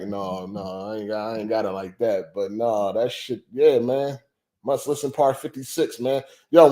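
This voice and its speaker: A man's voice: medium pitch, darkish tone. A man hosting a casual podcast livestream, talking loosely and profanely and repeating himself for effect. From Philadelphia. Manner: loose, profane, repetitive banter. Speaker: podcast host.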